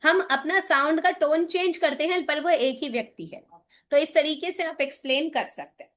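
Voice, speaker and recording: A woman's voice: sits high, moderate pace, fairly bright tone. A woman with an Indian English accent giving a classroom lecture as a teacher trainer, explaining patiently and often checking that her listeners follow. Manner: patient, explanatory, asks frequent check questions.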